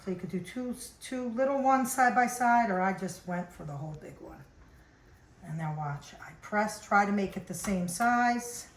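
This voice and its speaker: A woman's voice: medium pitch, moderate pace, roomy sound, slight background noise. A woman casually showing a cookie recipe in her home kitchen, chatting and explaining each step as she goes. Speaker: home cook demonstrating recipes.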